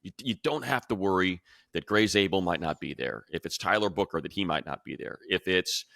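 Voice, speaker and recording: Brisk and creaky, this sports show host has a very low but bright and forceful voice. He works through his analysis aloud in an emphatic, conversational way, recorded close and dry with no room sound.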